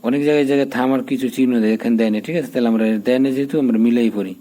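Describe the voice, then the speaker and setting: Man, recitation teacher, patient, letter-by-letter tutorial, mellow voice, flat level delivery. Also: mid-range voice, low-quality recording. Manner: patient, spells out letters and vowel marks one by one; slows down for drawn-out chanted recitation.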